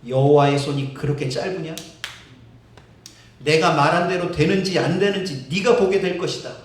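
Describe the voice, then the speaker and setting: A man's voice: a little high, normal speed, lightly acted. A male preacher voicing God as a stern, commanding deity in a sermon retelling. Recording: heavy echo, distant mic in church hall.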